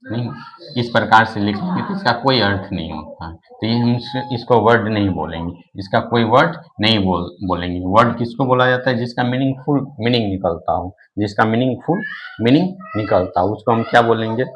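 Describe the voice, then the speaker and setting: The recording is rough with slight background noise; the man's lowish voice is a bit bright and at normal speed. Teaching English in Hindi as in a classroom, he answers his own questions and keeps repeating and restarting, saying "nahin" as filler.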